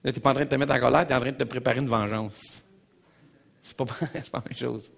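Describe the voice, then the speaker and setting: Delivering a sermon in a Québécois French accent, this pastor speaks fast at medium pitch with vocal fry. He is animated and emphatic, addressing the congregation directly and repeating phrases.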